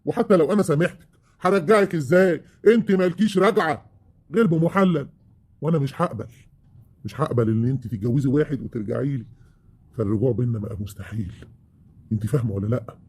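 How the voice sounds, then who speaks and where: A man's voice: mid-range voice, quick pace, husky. A man with an Egyptian accent playing a bitter, worn-out older husband in a family web drama. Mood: furious. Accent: Egyptian Arabic. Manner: reproachful, rising to shouting.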